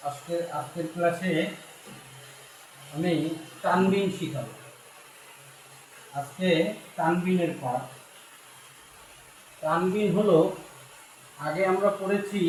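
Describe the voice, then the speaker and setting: A man's voice: fairly high pitch, recorded from a distance. Male Quran teacher with a Bangladeshi Bengali accent, patient and repetitive, recorded from afar in a very echoey room with faint background noise. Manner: patient, repeats and spells out each letter. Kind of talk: slow step-by-step recitation lesson.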